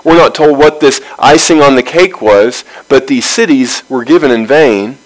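A man leading a Bible study, reading scripture aloud and then explaining it verse by verse in a measured way, with pauses between phrases. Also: medium pitch, rough recording.

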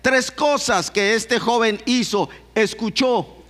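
High-voiced preacher in a reverberant hall. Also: male voice, takes it slowly, fairly bright tone. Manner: storytelling, asks the congregation questions. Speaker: pastor. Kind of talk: sermon. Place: church hall.

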